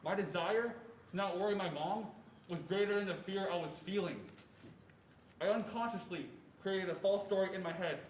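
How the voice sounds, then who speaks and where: A young student performer, his voice high and natural, reads as the narrator in a reader's theatre piece drawn from a first-person memoir. Playing an adult man, he earnestly and reflectively recalls a fearful boyhood in a deliberate stage reading. The room is echoey with faint background noise.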